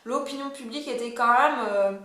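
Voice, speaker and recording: A woman's voice: a little high, brisk, fairly bright tone. A woman with a French accent explaining a court case in a casual, hesitant way, with many fillers and self-corrections. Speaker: commentator. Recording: very echoey room.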